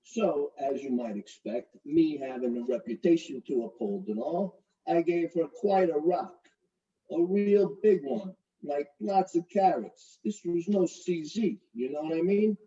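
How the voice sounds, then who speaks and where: An actor playing a brash, crude, middle-aged mobster-type fiancé who swaggers and wisecracks in a comedy courtroom sketch. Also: male voice, fairly high pitch, animated, unhurried, dark tone, recorded from a distance, highs cut off. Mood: swaggering. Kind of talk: comedic courtroom parody acting.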